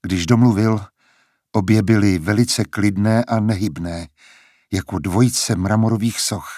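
Husky man narrating an audiobook. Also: fairly low pitch, warm tone, dry recording, clean studio sound. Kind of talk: scripted narration.

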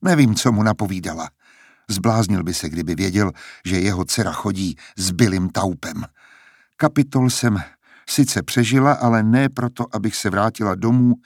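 A man's voice: fairly low pitch, dry recording, clean studio sound. A man voicing a defiant, blunt young woman in an audiobook reading. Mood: explaining. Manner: firm, blunt. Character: defiant young woman singer, sharp-tongued.

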